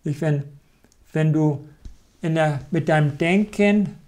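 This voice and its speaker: A man leads a live spiritual talk as a meditation teacher, his voice calm and softly reassuring, often ending with a questioning tag to check in. He speaks slowly, with a pitch on the higher side.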